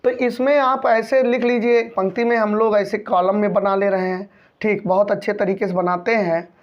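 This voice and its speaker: A man's voice: sits high, flat delivery, moderate pace. Male maths teacher, patient, repeats himself, checks in often, dull lo-fi sound. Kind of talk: maths lesson explaining a textbook problem. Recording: dull lo-fi recording.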